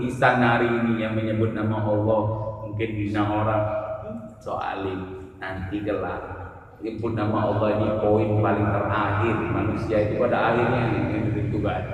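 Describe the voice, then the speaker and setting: A man preaching a sermon, telling a story dramatically and moving from soft speech to loud shouted prayer. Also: fairly low pitch, little pitch movement, moderate pace, muffled recording. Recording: echoey hall, voice from far off.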